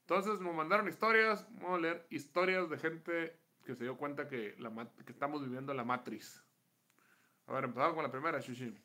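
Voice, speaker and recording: A man's voice: fairly high pitch, fairly quick, bright, forceful tone. A man with a Mexican accent, co-hosting a casual podcast with crude, profane, slang-heavy banter. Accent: Mexican Spanish. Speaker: podcast co-host. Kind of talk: casual comedic chat.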